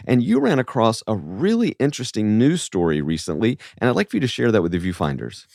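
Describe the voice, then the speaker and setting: A man's voice: fairly low pitch, sing-song, quick pace, creaky, darkish tone, no echo, clean studio sound. An American man co-hosting a podcast, speaking emphatically and directly to listeners in a slightly froggy voice. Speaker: podcast co-host, veterinarian.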